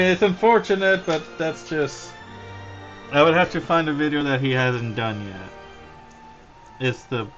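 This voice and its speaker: Slow-talking man, dull lo-fi stream. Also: mid-range voice, a bit bright. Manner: chatty, amused, often laughs mid-story. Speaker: drawing livestreamer. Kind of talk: casual rambling commentary. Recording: dull lo-fi with faint music.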